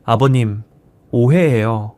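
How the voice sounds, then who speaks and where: A tearful daughter-in-law, as a male narrator puts her on, begging for mercy. Plain, mid-pitched and dry. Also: slow pace, darkish tone, no room sound, close to an everyday voice. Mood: pleading. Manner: pleading, sobbing.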